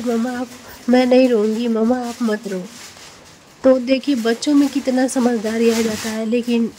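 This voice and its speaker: A woman's voice: a little high, warm tone. A woman, vlogging a train journey in an emotional, repetitive way. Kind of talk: casual travel vlog narration.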